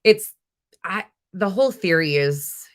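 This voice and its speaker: In an unhurried, expressive voice that sits on the low side, a woman chats with her livestream audience. She casually reads out comments and bounces informally between responses.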